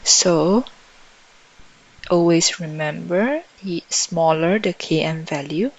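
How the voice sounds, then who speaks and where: A woman tutor thinking out loud as she works through exam questions in a lesson, on a dull lo-fi microphone. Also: on the low side, takes it slowly. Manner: thinking out loud while solving. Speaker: biology tutor.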